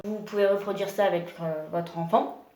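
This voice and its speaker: A woman leading an early-childhood music lesson for parents and children, explaining slowly and gently with many pauses and fillers. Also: lowish voice, steady tone. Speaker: music teacher. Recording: roomy room with faint noise.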